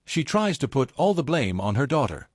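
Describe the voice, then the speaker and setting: A man giving scripted narration of a comic story recap in a steady storytelling delivery. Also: medium pitch, normal speed, breathy edge, no echo, clean studio sound.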